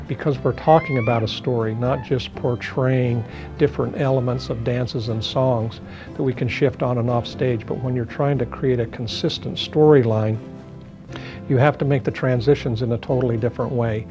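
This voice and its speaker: A man on the production staff explains the show's staging in a deliberate documentary interview. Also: mid-range voice, fairly even intonation. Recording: music bed under the voice.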